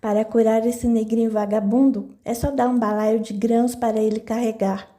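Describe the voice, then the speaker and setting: A woman's voice: on the high side, little pitch movement, moderate pace, dark tone, lightly acted. A woman voicing a cruel, scheming male farm foreman who mocks and threatens in an audiobook. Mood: mocking. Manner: mocking, ironic.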